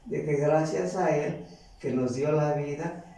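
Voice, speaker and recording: A man with a Mexican accent giving a halting, earnest personal faith testimony, often repeating words. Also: fairly high pitch, mellow. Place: large church hall. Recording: echoey church from far off.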